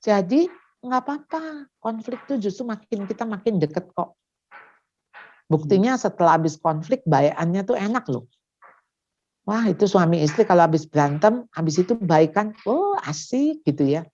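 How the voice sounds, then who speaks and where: A woman addresses parents at a seminar. She talks in an animated way and slips into short acted exchanges between mother and child. The sound is dull and lo-fi. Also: mid-range voice, moderate pace. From Indonesia. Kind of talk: seminar talk.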